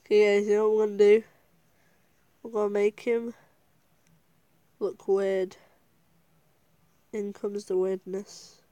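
A woman's voice: medium pitch, level tone, slow pace, pauses often, dark tone, clear, resonant tone, no room sound. A woman chatting casually to viewers while she plays a game, giggling often and talking herself through each step. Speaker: gaming video creator. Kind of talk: casual gameplay commentary.

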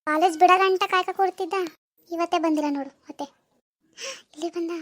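A woman's voice: very high voice, fairly even intonation, brisk. A woman playing a fretful lovestruck college girl. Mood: anxious. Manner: fretful muttering to herself. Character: lovestruck young female college student. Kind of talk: village family drama.

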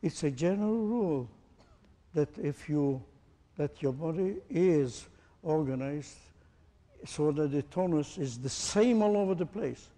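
A man's voice: fairly high pitch, animated, measured pace, dark tone, big-room sound. A man teaching a group, asking pointed questions and demonstrating with his own body. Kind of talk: interactive lecture to a group.

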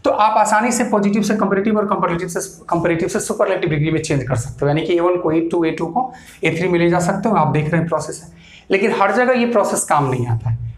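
A male English grammar teacher giving a classroom lecture, explaining step by step, repeating points and answering his own questions. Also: high voice. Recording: echoey room.

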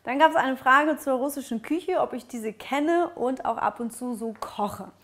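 A young woman chats easily to her viewers, her voice sitting a little high. She sounds close and clear on a clip-on mic in a bright living room, relaxed and full of small fillers. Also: unhurried. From Ukraine. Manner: friendly, chatty, many fillers. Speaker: fitness vlogger. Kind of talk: casual Q&A chat to camera. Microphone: lapel mic.

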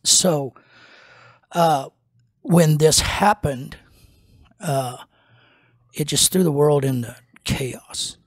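An older man who is a pastor and podcast host gives an unscripted teaching talk, rambling slowly with lots of fillers and restarts. His voice sits on the high side. He speaks into a studio mic on a boom arm in a small wood-paneled room, and the recording is dry.

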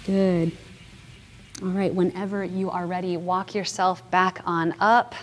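A woman's voice: lowish voice, level tone, unhurried, faint music behind. A woman in her thirties, a fitness trainer, guiding a yoga flow with encouraging, upbeat cues in a large indoor gym studio. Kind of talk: guided yoga instruction.

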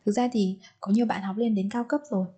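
A woman teaching a grammar lesson, patient, asking the learners questions and repeating example sentences slowly. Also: mid-range voice, fairly even intonation, warm tone, husky. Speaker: Korean language teacher.

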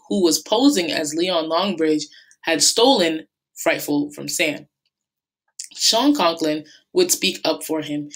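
A woman teacher reading a novel aloud to students at a steady pace, with small slips. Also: low-pitched.

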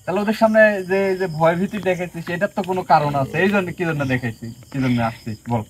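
A man's voice: a little high, sing-song, fast talker, crowd noise. A man working as a folk healer, interrogating a spirit in a stern, commanding and threatening way, in a noisy recording. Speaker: folk healer conducting an exorcism. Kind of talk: possession session.

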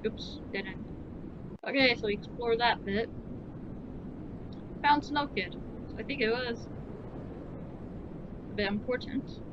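A gaming video host talks slowly with long pauses, muttering to herself through a casual, informal let's play. The audio is muffled and buried under loud rumbling noise.

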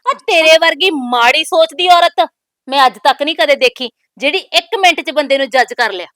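Defiant young bride, high bright voice, dry close sound. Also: female voice, normal speed, no echo. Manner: bold, scolding, proverb-laden retorts. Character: sharp-tongued young newly married woman, defiant. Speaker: actress. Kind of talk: village family drama acting.

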